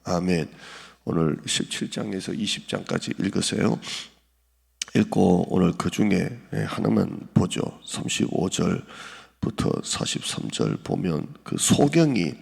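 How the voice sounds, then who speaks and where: A man preaching a dawn prayer sermon as pastor, retelling scripture with acted voices and rising to loud pleading. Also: sits low, big pitch swings, unhurried, gravelly, breathy edge. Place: church sanctuary. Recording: echoey church hall.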